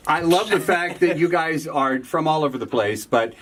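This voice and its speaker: A man's voice: fairly high pitch, moderate pace, a bit bright. A man hosting a radio interview, upbeat and joking with his guests. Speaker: radio host.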